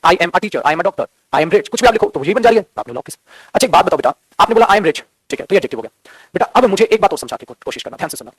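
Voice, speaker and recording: A male English grammar teacher gives a classroom lesson in Hindi, speaking rapidly in a husky, high-sitting voice. He calls his students "beta," repeats key phrases to drill points home, and poses rhetorical questions he answers himself. There is no room sound.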